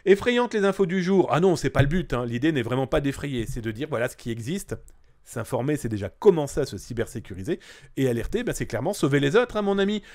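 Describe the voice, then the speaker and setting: A man's voice: mid-range voice, fast. A man hosting a live cybersecurity news stream in a casual, jokey way, greeting viewers by name and reading their comments aloud. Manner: lively, swings between bursts and quiet asides.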